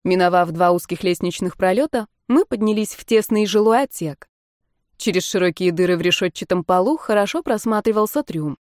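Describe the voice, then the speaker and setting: A woman's voice: fairly low pitch, brisk, darkish tone, dry recording. Woman narrating an audiobook, dry sound. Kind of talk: first-person audiobook narration.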